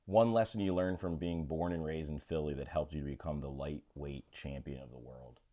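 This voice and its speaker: A male interviewer with a very deep, dark voice asks short, direct questions. He keeps each question to the point. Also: steady tone, moderate pace.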